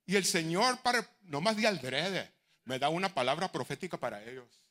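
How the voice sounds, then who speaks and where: A middle-aged man preaching a sermon in a fairly high, bright, forceful voice. His pitch swings widely, and he moves from hushed asides to loud, driving appeals. Now and then he slips English phrases into his preaching. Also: normal speed. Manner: animated, swings from near-whispers to shouted exhortation. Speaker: bishop and preacher.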